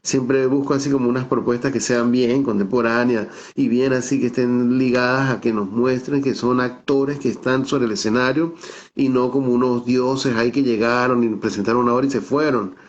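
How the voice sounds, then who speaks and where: Over dull, lo-fi video call audio, a Venezuelan Andean man with a Táchira accent, middle-aged, talks as an invited guest. His mid-range voice stays steady at a moderate pace while he works through a long, thoughtful explanation full of restarts, fillers and repeated "¿no?". He's a theater director giving an online talk in a conversational way.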